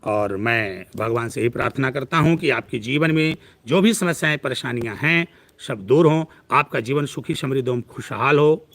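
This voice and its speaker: A man's voice: mid-range voice, moderate pace, a bit bright. A man giving a preachy live-stream astrology talk who piles up long lists of words.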